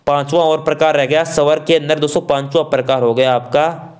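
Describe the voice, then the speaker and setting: A man from Rajasthan teaches an online exam-prep grammar class. His voice sits a bit high, and he talks casually to students as friends. He drills the vowel sounds aloud. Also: steady tone, brisk.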